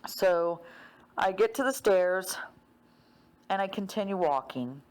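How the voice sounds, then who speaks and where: A woman's voice: medium pitch, expressive, slow, darkish tone. A woman casually retelling a dream in a rambling way, full of "um" and "like,". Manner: rambling, many fillers like "um" and "like".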